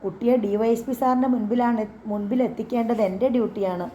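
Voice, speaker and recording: A woman's voice: on the high side, fairly quick, warm tone, slight background noise, lightly acted. A woman voicing a stern male police sub-inspector in an audiobook, talking in curt, commanding bursts.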